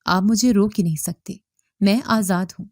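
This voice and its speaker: Story figure: defiant reckless young son, dark tone, dry read, woman narrator voicing him. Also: mid-range voice, fairly even intonation, no room sound, lightly acted. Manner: defiant, careless.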